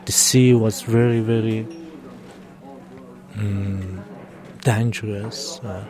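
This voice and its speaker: A man in his twenties from Afghanistan, speaking English as a second language, telling his story slowly and haltingly with many pauses. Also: on the low side, steady tone, a crowd in the background. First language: not English. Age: 20s. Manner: slow, hesitant, with fillers. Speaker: interviewee. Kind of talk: halting personal account.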